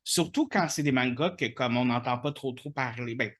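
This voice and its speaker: A man with a Québécois accent hosts a podcast. He talks casually and playfully and jokes as he goes. The chat stays relaxed and informal. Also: mid-range voice, moderate pace. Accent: Québécois French. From Quebec. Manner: playful, joking. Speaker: podcast host.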